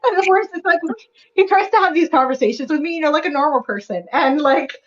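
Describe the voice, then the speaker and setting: A young woman guest on a video call speaks in a wry, candid, joking way. Her voice is a little high. The audio is dull and lo-fi, like a muffled call line. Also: animated, quick pace. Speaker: guest author. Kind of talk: casual interview chat.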